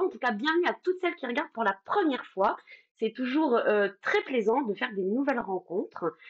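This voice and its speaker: Chatty French craft host, a woman with a husky, fairly high voice, muffled stream sound. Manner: chatty, greets viewers by name, many fillers. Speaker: craft demonstrator hosting a live stream. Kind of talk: casual live demo chat.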